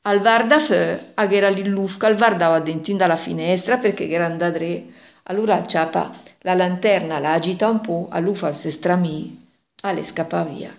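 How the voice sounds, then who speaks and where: A woman's voice: on the low side, normal speed, vocal fry. Older Milanese woman, echoey room. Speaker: storyteller. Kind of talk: informal storytelling in Milanese dialect. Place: small kitchen indoors. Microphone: phone at arm's length.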